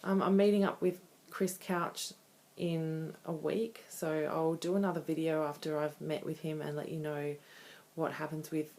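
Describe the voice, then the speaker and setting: A woman's voice: low voice, level tone, normal speed, few pauses, darkish tone. A woman in her thirties talking candidly and conversationally in a casual personal video diary. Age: 30s. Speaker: vlogger.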